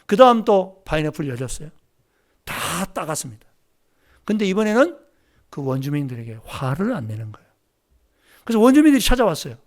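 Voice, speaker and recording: A man preaching a sermon as pastor at a church service, telling stories in an animated way and acting out the dialogue. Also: a little high, a little fast, pauses often.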